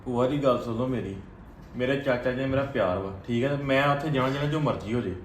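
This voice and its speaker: A man's voice: medium pitch, quick pace, echoey room, a little hiss or hum, natural voice. A young actor playing a stubborn son who argues back at his mother and aunt in a family drama. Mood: defiant. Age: young adult. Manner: stubborn, argumentative. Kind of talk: web series family drama acting.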